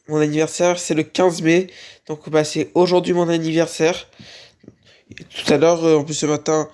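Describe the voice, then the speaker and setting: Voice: mid-range voice, warm tone. A speaker a little sick, hesitantly narrating a casual game-building tutorial and repeating the same filler phrases. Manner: hesitant, repeats "voilà" and "on continue". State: slightly sick, sneezing. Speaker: Minecraft building tutorial creator.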